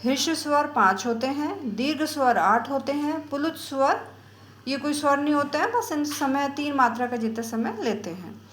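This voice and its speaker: A woman's voice: high voice, expressive, a bit bright, a little hiss or hum. Patient woman teaching in an echoey room. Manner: slow, patient, drawn-out vowel examples. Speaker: Sanskrit teacher. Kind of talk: explanatory lesson.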